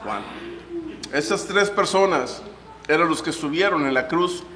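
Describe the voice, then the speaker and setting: A man's voice: a little high, unhurried, sharp tone. A man leading a Bible study and asking the group questions as he teaches. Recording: echoey hall, faint room noise.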